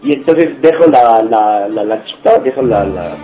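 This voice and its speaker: A young man with a Mexican accent telling a funny story to friends in casual, slangy talk, laughing and acting out shouts. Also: medium pitch, animated, moderate pace, echoey room, dull audio. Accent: Mexican Spanish.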